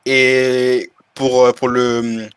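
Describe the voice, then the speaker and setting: A man's voice: medium pitch, monotone, extremely slow, clear, resonant tone. A young man in a casual debate, challenging the other side and repeating his phrases.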